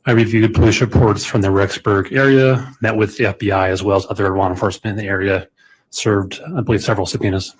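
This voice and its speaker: A man's voice: fairly low pitch, steady tone, quick pace, breathy edge, rough recording. A man testifying as a witness, giving brief matter-of-fact answers, heard on a courtroom recording. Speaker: witness, federal special agent.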